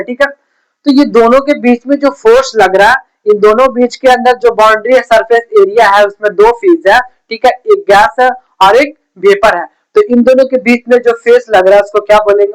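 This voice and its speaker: A man's voice: very high voice, low-quality recording. Man teaching in a quizzing manner. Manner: repeats "thik hai" and quizzes the viewer with questions. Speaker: pharmacy tutor. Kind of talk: casual explainer lesson.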